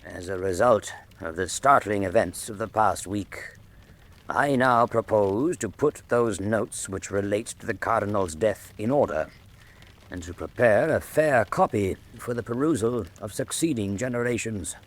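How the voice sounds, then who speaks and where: A man playing a genial, middle-aged Victorian doctor and old soldier, formal and measured in a radio drama. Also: lowish voice, close to an everyday voice. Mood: reflective, grave. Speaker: narrator and character. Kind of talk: radio drama narration and dialogue.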